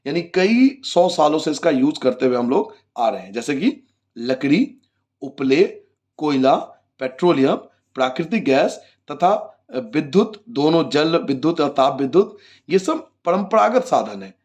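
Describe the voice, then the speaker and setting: A man's voice: fairly high pitch, very animated, a little slow, darkish tone. Male teacher explaining a lesson. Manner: asks and answers his own questions, repeating key points; addresses students as children. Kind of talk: class 10 geography lesson.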